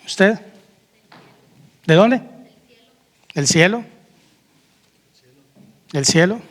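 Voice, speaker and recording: A man's voice: sits high, expressive, extremely slow, fairly bright tone, in a large hall. A man preaching a sermon as pastor, asking the congregation questions and calling out amen. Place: church hall.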